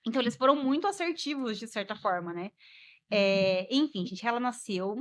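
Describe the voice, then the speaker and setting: A woman's voice: fairly high pitch, animated, moderate pace. A woman, a guest mother telling her personal story expressively, acting out the dialogue and laughing along the way.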